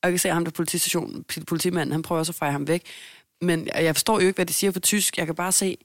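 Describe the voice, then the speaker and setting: A Danish woman co-hosts a podcast, casually telling a story in an animated way and acting out the people she quotes. Her voice is lowish, and the recording is clean studio sound with no room echo.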